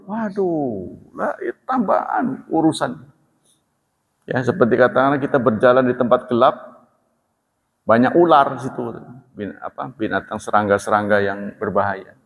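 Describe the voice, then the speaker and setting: A man's voice: medium pitch, long reverb tail. A man preaching a sermon, telling stories with acted dialogue and light humor.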